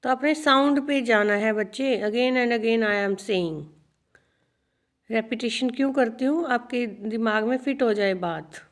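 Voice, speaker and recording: Her pitch is fairly high as she teaches English on video, moving slowly and saying words more than once. The students are spoken to as children.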